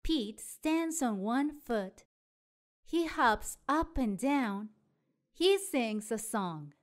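A storyteller and show host reads a children's storybook aloud in a high, very lively voice. She lingers over each phrase, drawing words out, with the expressive delivery storytellers use for small children.

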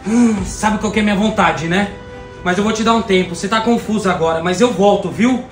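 A woman's voice: medium pitch, brisk, natural voice. A woman with a Brazilian Portuguese accent playing a domineering young husband in a web drama. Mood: smug. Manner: domineering, commanding. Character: controlling, bullying young husband. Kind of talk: amateur web drama acting. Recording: echoey room from a distance, music behind.

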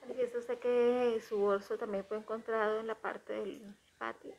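A woman's voice: fairly high pitch, flat delivery, moderate pace, darkish tone, low-quality recording. Formal female reporter asking questions. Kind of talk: news interview questions.

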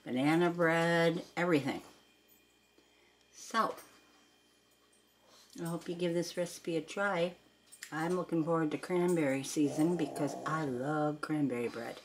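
Woman with a really low voice, rambly home cooking chat, keeps correcting herself. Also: fairly even intonation, unhurried, long pauses, slight background noise. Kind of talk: casual cooking vlog chat.

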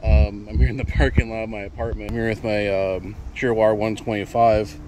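A man's voice: on the low side, level tone, a little fast. A young man casually showing off a fishing build on a phone camera outdoors, rambling with many ums and restarts. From Michigan. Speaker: fishing channel host. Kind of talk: casual how-to vlog. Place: outdoors in an apartment parking lot. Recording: noisy outdoor phone recording.

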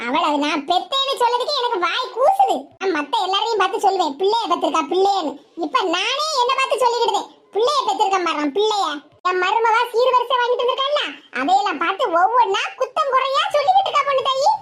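A woman's voice: extremely high pitch, animated. A woman voicing a fiery older village mother who scolds her daughter sharply, with a Tirunelveli Tamil accent. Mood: angry. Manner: sharp, scolding, rapid-fire complaints.

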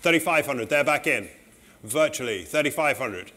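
A middle-aged man working as an auctioneer, calling bids in a saleroom in a brisk, polite, repetitive way. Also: mid-range voice, expressive, sharp tone.

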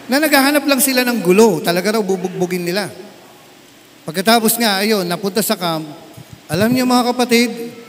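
A man with a Filipino accent, a pastor telling a story in a sermon, lively and animated, acting out the voices of the people in it. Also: high-pitched. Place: large church hall at a camp service. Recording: echoey hall, faint ambient noise.

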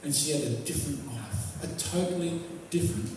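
A man's voice: on the high side, fairly quick, noisy background. A male pastor preaching a sermon, retelling a story vividly to his congregation. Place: church hall. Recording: echoey hall, distant mic.

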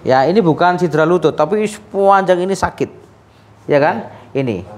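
A man's voice: fairly high pitch, normal speed. A man, a sports massage therapist who chats and coaxes his patient through a treatment, often laughing. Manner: chatty, coaxing, often laughing.

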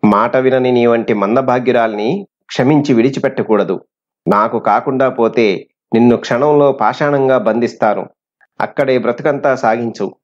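A man's voice: medium pitch, normal speed, lightly acted. Guy doing a nasty boastful sorcerer, threatening, lo-fi. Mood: menacing. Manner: threatening, gloating. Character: cruel boastful male sorcerer, menacing. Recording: dull lo-fi recording.

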